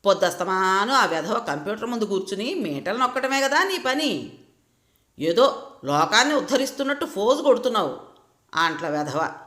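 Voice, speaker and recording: A woman voicing a sharp-tongued old grandmother who scolds loudly without stopping, in a roomy echo. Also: medium pitch, sing-song, moderate pace. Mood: scolding. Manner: loud nonstop scolding.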